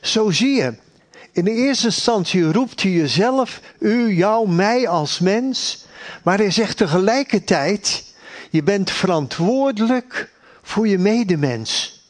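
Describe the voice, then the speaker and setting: Man, preacher, sermon, high voice, slow and deliberate, earnest, repetitive phrasing. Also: expressive.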